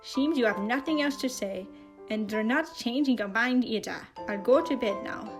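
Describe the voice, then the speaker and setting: A woman's voice: on the high side, normal speed, over music, natural voice. A woman reading a fanfic aloud, voicing a brash young man who scolds his brother. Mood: firm. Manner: shouting, scolding.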